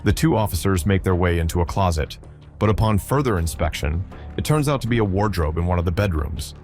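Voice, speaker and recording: A man's voice: low voice, lively intonation, a little fast, darkish tone, faint music behind. A man reading scripted narration with a building, ominous suspense. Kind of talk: scripted true-crime narration.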